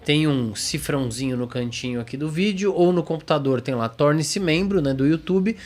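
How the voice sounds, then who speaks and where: Higher-voiced man hosting. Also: normal speed, a little mellow. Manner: conversational, frequent tag questions. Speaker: podcast host. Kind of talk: casual podcast chat.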